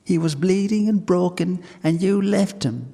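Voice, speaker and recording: A man's voice: medium pitch, moderate pace, darkish tone, pitched above the performer's own voice, close to an everyday voice. A man voicing a frightened young farm girl who fiercely protects her horse. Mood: defiant. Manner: pleading, breathless urgency. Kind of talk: storytelling. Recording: long hall reverb.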